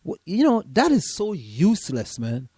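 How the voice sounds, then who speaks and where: A man's voice: high voice, wildly swooping pitch, normal speed, a little mellow, slightly rough, dry recording. A man, a professor co-hosting an online radio show, talking emphatically and repeating words as he thinks aloud. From Trinidad and Tobago. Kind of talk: casual radio chat.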